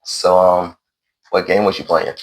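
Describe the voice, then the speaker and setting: A man's voice: low voice, steady tone, unhurried. A man hosting a casual gaming conversation, asking questions and teasing his friend in a laid-back way. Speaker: podcast host.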